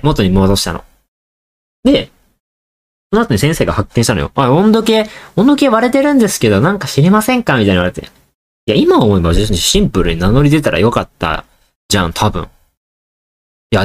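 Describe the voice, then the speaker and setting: Male solo podcaster, casual and rambling, addresses listeners directly, quick delivery. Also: fairly low pitch. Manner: rambling, joking, talks straight to listeners. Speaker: podcast host.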